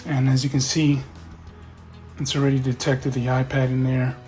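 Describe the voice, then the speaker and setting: A man casually talking through an unboxing in a relaxed, halting way, hosting his own tech video. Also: mid-range voice. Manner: relaxed, halting, with fillers and restarts. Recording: music playing behind.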